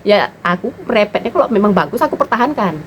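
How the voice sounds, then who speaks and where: A woman's voice: mid-range voice, animated, quick pace, a little hiss or hum, low-quality recording. Blunt, outspoken woman. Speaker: mother and vlogger. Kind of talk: casual monologue giving parenting opinions.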